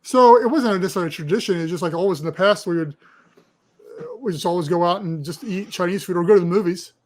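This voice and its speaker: A man's voice: high voice, fast talker. A man co-hosting a podcast in casual chat, rambling with many fillers and restarts. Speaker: podcast co-host leading the show.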